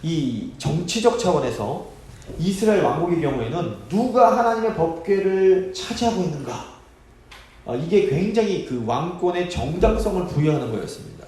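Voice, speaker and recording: A male pastor preaching a Bible study sermon, expressive and asking the congregation rhetorical questions. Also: on the high side, reverberant. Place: church sanctuary.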